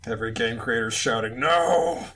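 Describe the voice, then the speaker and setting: A man co-hosting a podcast, chiming in with short quick reactions and questions. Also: medium pitch, a bit bright. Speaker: podcast co-host. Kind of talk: casual chat.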